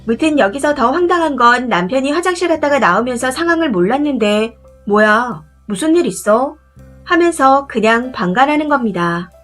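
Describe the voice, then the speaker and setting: A woman reading a first-person family story as scripted narration, in a steady, confiding way. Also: high-pitched.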